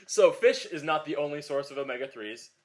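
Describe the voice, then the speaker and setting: A young adult man with a somewhat high, animated voice speaks at a normal pace. He co-hosts a fitness podcast and teaches Pilates, and here he rambles through a long, filler-heavy story in casual conversation.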